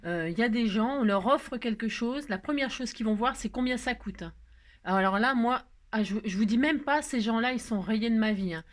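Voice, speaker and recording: A woman talks straight to her viewers, rambling and joking with lots of fillers. Her voice sits somewhat high for a woman. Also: moderate pace. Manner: chatty and rambling, jokey, many fillers. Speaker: crafting vlogger. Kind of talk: casual chat to viewers.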